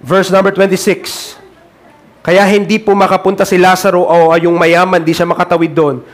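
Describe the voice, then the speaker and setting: A Filipino-accented man preaches in a church with a voice pitched unusually high. He drives his points home through repetition and sudden swings between forceful urgency and quiet, earnest tones. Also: level tone, moderate pace. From Philippines. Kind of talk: sermon.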